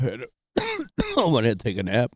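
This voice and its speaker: A man's voice: medium pitch, huge pitch swings, slow pace, no room sound. A man telling a rambling, profane story on a casual podcast, full of fillers. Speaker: podcast host.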